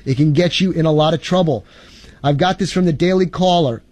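A man's voice: a little high, a little fast, darkish tone. A man teaching a class on self-defense law, explaining definitions and reading statutes aloud with short asides. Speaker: instructor. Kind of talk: instructional lecture with legal readings. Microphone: facing camera.

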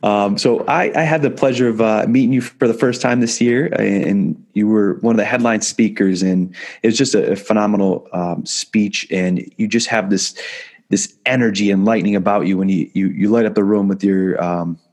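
Speaking at normal speed, this interview-show host has a lowish, darkish voice with a steady tone. He upbeatly reads his guest's introduction before moving into questions and conversation.

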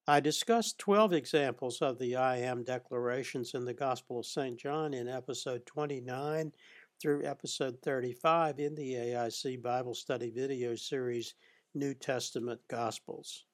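A man reading a scripted Bible study lecture, reading scripture passages in a measured, even way. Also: mid-range voice. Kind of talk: scripted narration.

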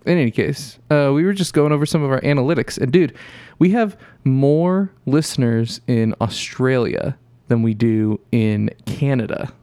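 A man hosting a podcast, bantering playfully and teasing his co-host with quick intros. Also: mid-range voice, dark tone, no echo. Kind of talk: casual banter.

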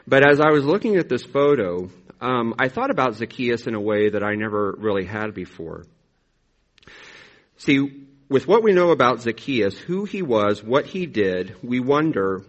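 A man preaching a conversational, reflective sermon in an informal, halting way, with slightly impeded articulation from braces. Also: mid-range voice. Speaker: pastor preaching.

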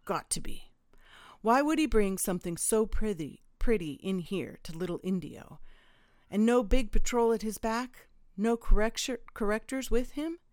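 A woman's voice: medium pitch, normal speed, a little mellow, no echo, pitched above the performer's own voice, natural voice. A woman voicing a drunk, bitter small-town mayor who rants with disgust and repeats himself. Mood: bitter ranting.

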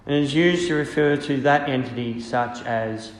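A man speaking as a priest, reading scripture and preaching in a solemn, measured way in an echoing church. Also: medium pitch. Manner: solemn, measured, deliberate phrasing. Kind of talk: liturgical reading and homily. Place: large reverberant church. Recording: echoey church with long cathedral-like reverb.

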